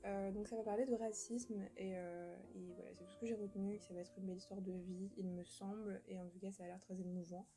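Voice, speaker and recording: A woman's voice: medium pitch, little pitch movement, fast, few pauses, mellow, faint music behind, rough recording. A young woman chatting casually about books she plans to read, rambling and joking at herself, with many fillers and restarts. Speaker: book vlogger. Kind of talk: casual chat.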